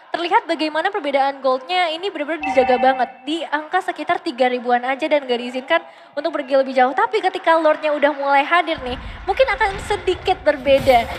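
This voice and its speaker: Fast, high-pitched Indonesian woman esports caster. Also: a little hiss or hum. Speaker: esports analyst commentator. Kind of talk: live analytical game commentary.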